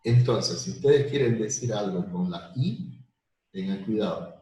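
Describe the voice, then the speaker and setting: A man teaching a live online math lesson, explaining slowly with repetitions and everyday examples. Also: lowish voice, expressive, a little mellow. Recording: very echoey room.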